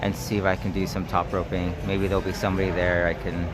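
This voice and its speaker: A man's voice: low voice, level tone, fast talker, loud music behind the voice. A man chatting casually and informally on a live stream while climbing at an indoor gym, thinking aloud in short bursts.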